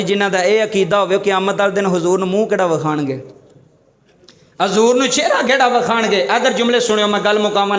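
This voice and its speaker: A man's voice: high-pitched, roomy sound. A man preaching a sermon to a gathering, asking the audience questions and acting out dialogues.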